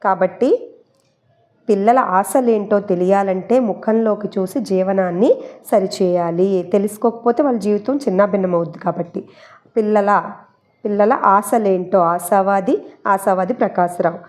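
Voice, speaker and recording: A woman's voice: mid-range voice, normal speed, dark tone. A woman teaching exam prep, chatting her way through memory tricks, repeating key points and mixing in English words. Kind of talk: explaining memory tricks for a Telugu syllabus.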